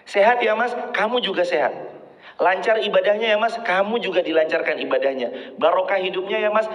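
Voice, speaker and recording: A man giving a relaxed sermon who acts out quoted everyday speech and chants Arabic verses. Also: a little high. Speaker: preacher. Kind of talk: casual sermon. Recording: echoey hall, dull lo-fi sound.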